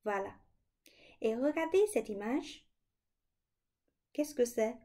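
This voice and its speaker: A woman teaching children a language lesson, slowly and clearly demonstrating sounds. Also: fairly high pitch, expressive, dark tone.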